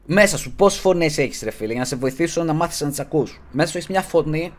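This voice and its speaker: A man hosting a casual podcast, giving earnest advice in slangy talk and closing his sentences with a low, mumbled "bro". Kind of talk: casual streamed podcast chat.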